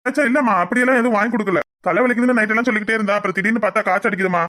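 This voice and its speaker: A coaxing young village husband, played by a voice actor in a cartoon, with a Kanyakumari Tamil accent. He talks very fast in a middle pitch, pleading and sweet-talking. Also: sharp tone, lightly acted.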